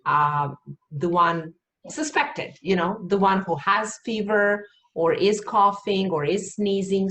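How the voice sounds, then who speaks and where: Slow-speaking woman interviewer. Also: on the low side, a bit bright. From Serbia. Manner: slow, summarizing, searching for words. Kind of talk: reflective interview questions.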